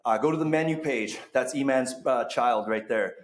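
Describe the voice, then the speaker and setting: In an echoey room inside a bar that's under construction, a podcast host chats casually. His mid-range male voice moves at normal speed, wandering through many fillers and false starts.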